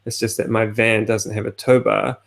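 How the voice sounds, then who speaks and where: A man's voice: on the low side, flat delivery, normal speed, gravelly. A man co-hosting a casual podcast, talking in a hesitant, matter-of-fact way with many fillers. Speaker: podcast co-host. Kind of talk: casual chat.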